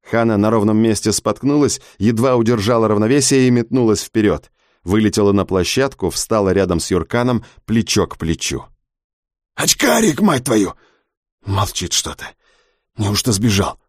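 A man's voice: fairly low pitch, a little mellow, no room sound, clean studio sound. A man giving tense, vivid dramatic audiobook narration.

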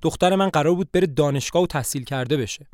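A man's voice: a little high, a little mellow, no echo, studio quality, natural voice. A man doing a hurt, scolding mother. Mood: angry, hurt. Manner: reproachful, rapid. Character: angry, hurt middle-aged mother scolding her daughter.

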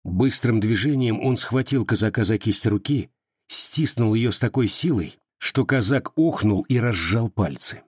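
A man narrating a novel as an audiobook, with expressive storytelling. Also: fairly low pitch, a little slow, husky, no echo, clean studio sound.

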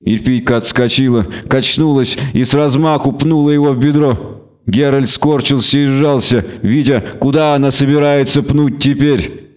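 A man narrates a fantasy novel in a steady, measured reading voice. His pitch sits in the middle range for a man. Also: smooth. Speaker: audiobook narrator. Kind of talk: scripted audiobook narration.

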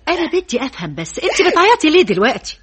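A woman's voice: high-pitched, rapid-fire, full character voice. An actress playing a teasing, motherly middle-aged aunt in an Egyptian accent, in a radio drama. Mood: coaxing. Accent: Egyptian Arabic. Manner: coaxing, lively.

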